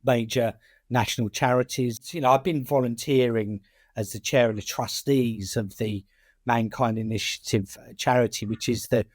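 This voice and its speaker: A man's voice: medium pitch, fairly even intonation, normal speed, darkish tone, dry recording, clean studio sound. A man with a British working-class accent answering in a conversational interview, often repeating words and restarting sentences as a campaigner. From United Kingdom. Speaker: charity chair and campaigner.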